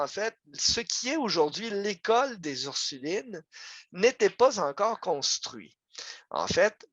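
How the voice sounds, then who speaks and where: This history talk is an online lecture on local history, given by a man with a Quebec French accent via video call. He sounds a little high and fairly bright, chatting along with plenty of fillers and asides. The recording is dry and lo-fi.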